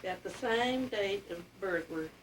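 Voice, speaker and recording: An elderly Appalachian woman, her voice mid-range and unhurried, casually reminisces about her family's history in plain, folksy speech. She is being interviewed, and the home recording is clearly noisy, picked up by a distant mic.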